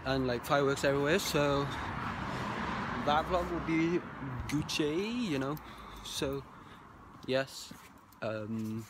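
A man's voice: a little high, animated, takes it slowly, pauses often. A young man with a south Wales Valleys accent, rambling casually and slangily to his vlog on a handheld phone. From Caerphilly, south Wales. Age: young adult. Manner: slangy, with "bruv" and "like". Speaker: vlogger. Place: mostly outdoors on a street at night. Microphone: phone at arm's length. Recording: noisy handheld phone, traffic ambience.

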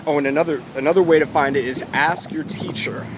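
A man, giving casual advice in a halting, emphatic way as he vlogs outdoors. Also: a little high. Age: 20s. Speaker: guitar vlogger. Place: outdoors walking along a city street. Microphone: phone at arm's length, wired earbuds in. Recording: loud wind and street noise on phone mic. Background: wind, traffic, urban ambience.

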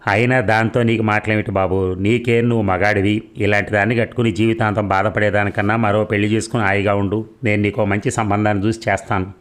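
A man's voice: lowish voice, flat delivery, fast, hardly any pauses, natural voice. A man voicing a furious, stern middle-aged father in a read-aloud serial novel, scolding in an indignant way.

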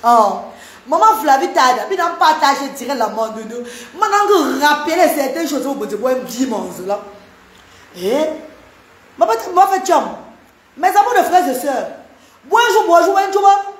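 A woman's voice: sits high, expressive, moderate pace, reverberant. A Cameroonian woman with a Cameroonian French accent, live-streaming to her viewers, emphatic and repetitive as she scolds and banters with them.

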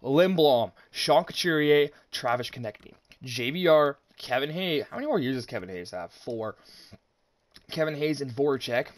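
Excitable young man, dry close sound. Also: mid-range voice, normal speed, no room sound. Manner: excited, swears, talks to viewers as "boys". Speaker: gaming YouTuber. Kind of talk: casual game commentary.

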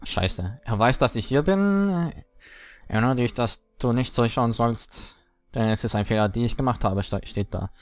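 A young man commentating a horror game he is playing, scared and swearing, his voice jumping up high when frightened. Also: expressive, moderate pace, no room sound, faint music behind. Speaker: let's play gamer.

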